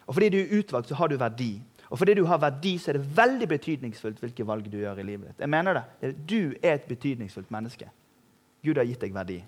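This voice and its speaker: A man preaching a sermon in a church, energetic and humorous, rising to emphatic peaks. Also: mid-range voice. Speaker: pastor. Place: church hall.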